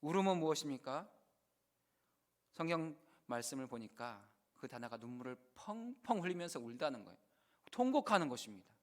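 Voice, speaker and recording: Man pastor preaching, a bit high-pitched, earnest, loud then hushed. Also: very animated, a little fast. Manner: earnest preaching, swings between loud emphasis and hushed quoted prayers. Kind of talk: sermon.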